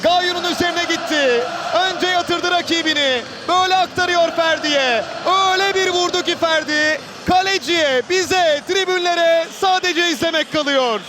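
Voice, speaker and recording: A man giving live football play-by-play in an excitable way, with clipped phrases and drawn-out names. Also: very high-pitched. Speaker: football match commentator. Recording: roaring stadium crowd noise behind voice. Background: stadium crowd ambience.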